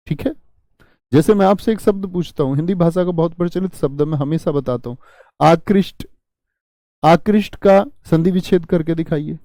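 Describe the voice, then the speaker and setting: A man's voice: high-pitched, dark tone, dry recording. A man teaching a live online grammar lesson, patient, repeating key words and answering students by name.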